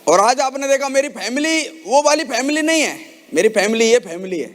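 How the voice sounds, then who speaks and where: A man with an extremely high-pitched voice speaks animatedly and a little fast, delivering an emotional motivational talk on stage at a network marketing event. He stirs up the audience with questions in a large event hall, and the recording carries the hall's reverberation.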